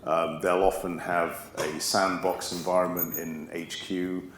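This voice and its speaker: Man, engineer, deep voice, hesitant, roomy, faint hum. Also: flat delivery. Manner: halting, many restarts and fillers. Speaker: engineer answering questions. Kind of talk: technical Q&A.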